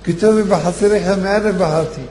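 A man's voice: high voice, a little mellow, pitched above the performer's own voice, close to an everyday voice. A man voicing a departed rabbi who appears in a dream, radiant and joyful, urging his brother to stop weeping. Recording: echoey hall, faint background noise.

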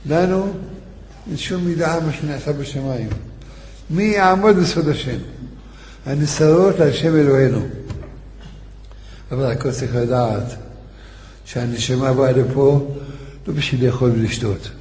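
A man's voice: medium pitch, long pauses, darkish tone. A man giving a eulogy sermon, telling a story in an emphatic, fervent way. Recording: echoey hall, faint background noise.

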